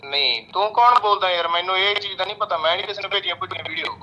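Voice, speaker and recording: A man's voice: sits high, racing, bright, forceful tone, rough recording. A young man playing an arrogant, evasive young man who answers dismissively and defensively. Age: young adult. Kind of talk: acted village drama dialogue.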